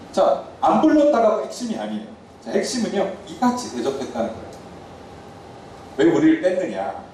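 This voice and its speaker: A man's voice: a little high, dark tone, distant mic, a little hiss or hum. A male pastor preaching a sermon, telling the story vividly and acting out a heated quarrel in the characters' voices. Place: church sanctuary. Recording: echoey church hall, mic from afar.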